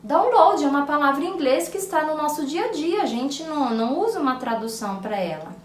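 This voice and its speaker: A woman's voice: high voice, lively intonation, quick pace, echoey room, distant mic, a little hiss or hum. A Brazilian woman teaching an English reading lesson, patiently explaining and reading word pairs aloud. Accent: Brazilian Portuguese. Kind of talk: recorded online lesson.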